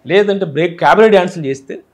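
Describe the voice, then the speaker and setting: Telangana guy, director in an interview, high voice, talks fast, animated. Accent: Telangana Telugu. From Telangana, India. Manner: animated, explains with examples from village speech. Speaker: film director. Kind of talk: interview, explaining his film.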